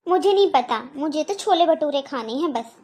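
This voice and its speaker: A woman's voice: high-pitched, animated, moderate pace, darkish tone. A woman voicing a petulant young married woman in a cartoon, whiny and complaining. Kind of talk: cartoon voice acting.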